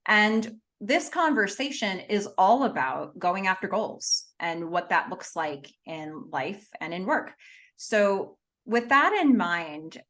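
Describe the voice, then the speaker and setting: A woman's voice: mid-range voice, a bit bright. A woman hosting an interview as a motivational speaker, enthusiastic and upbeat. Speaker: host, motivational keynote speaker.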